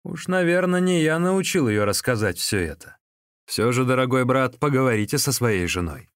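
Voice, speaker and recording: A man voicing a cold, vengeful sworn brother who speaks slowly and mockingly. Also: medium pitch, animated, clear, resonant tone, no room sound, clean studio sound, pitched above the performer's own voice, lightly acted. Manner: slow, mocking.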